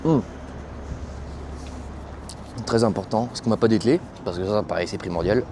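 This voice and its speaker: A man's voice: lowish voice, moderate pace, background noise. A young man from France, a truck driver, chatting casually and slangily to his viewers while filming himself at a truck stop. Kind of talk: casual vlog chat. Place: truck stop outdoors, cold and windy.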